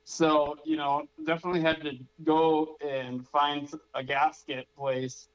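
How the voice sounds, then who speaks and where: A man as a guest on a casual call-in interview, relaxed and explaining things plainly. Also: on the high side, a little slow, smooth, poor audio.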